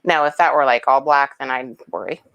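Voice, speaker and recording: A woman's voice: extremely low pitch, brisk, a bit bright, highs cut off. A woman hosting a home cooking demonstration, explaining each step in a chatty, homey way with casual asides. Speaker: cooking show host.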